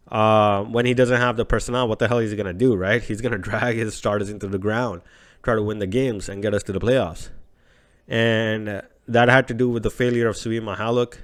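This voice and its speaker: A man with a low, smooth voice talks through a stuffy, nasal cold as he hosts his own sports show. He is chatty and opinionated, and he talks in an informal, conversational way. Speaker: host. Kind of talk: casual sports commentary.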